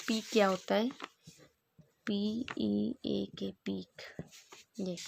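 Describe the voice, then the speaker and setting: A woman with a fairly high voice gives a patient lecture, explaining step by step. She slows right down to read definitions aloud and keeps checking that her students are following. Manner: explains step by step, mixing in English terms and reading definitions slowly; checks in often with "ठीक है ना". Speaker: math teacher. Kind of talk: classroom lecture.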